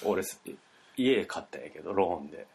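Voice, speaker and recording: A man's voice: low-pitched, lively intonation, a little fast, creaky, a little mellow, breathy edge, pitched below the performer's own voice, full character voice. A man quoting a talkative middle-aged male Turkish museum staffer, in a casual Kansai dialect. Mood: grumbling. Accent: Kansai Japanese.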